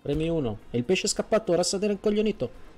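A jokey, flattering Egyptian man from Cairo, as a male streamer puts him on in a game role-play. His voice sits high and swings widely in pitch. He talks in broken, simplified phrases, repeating words to make his point. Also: fast. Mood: cheerful. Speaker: streamer role-playing a character.

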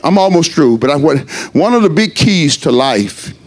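A middle-aged man preaching a sermon as pastor, rising into shouts and stretching his words. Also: fairly high pitch, very animated, moderate pace.

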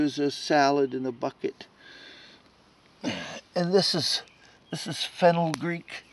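A man giving a casual, unhurried walkaround of his food garden outdoors, pointing out plants with short remarks. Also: mid-range voice, a little mellow.

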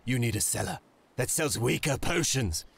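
A man playing a proud goblin-like potion merchant in a video game, giving a gruff, haughty pitch full of grave warnings in a raspy voice. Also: expressive, normal speed, fairly bright tone, exaggerated voice.

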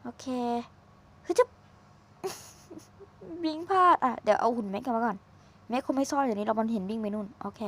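A woman gaming streamer chats casually while playing a video game, teasing and exclaiming into a desk microphone. Her voice is fairly high and slightly bright, and she talks fairly quickly with long pauses.

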